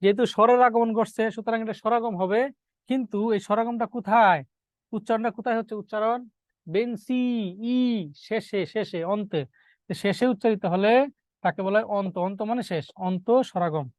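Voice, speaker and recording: A man's voice: high-pitched, fairly even intonation, fast talker, dry recording. A male teacher, giving a classroom grammar lesson, repeating key terms and quizzing his students.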